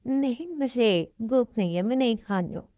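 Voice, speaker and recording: A woman's voice: a little high, lively intonation, moderate pace, no room sound, lightly acted. Woman dubbing a timid, hesitant young man. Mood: reluctant. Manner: hesitant and soft-spoken. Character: timid, unhappy young man held captive. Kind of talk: fan Hindi dub of a love story.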